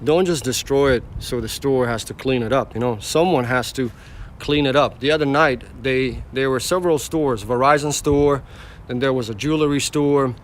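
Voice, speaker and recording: In a mid-range voice at normal speed, a man from the former Yugoslavia chats casually with his livestream audience. A rideshare driver, he's in his car on city streets, rambling, saying things more than once, and answering viewers' comments.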